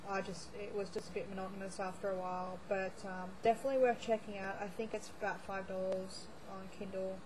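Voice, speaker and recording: A woman whose voice is giving out gives a chatty, rambling monthly reading wrap-up for her book vlog, with plenty of fillers and restarts. Her mid-range voice stays level and brisk with few pauses, and there's noise in the background.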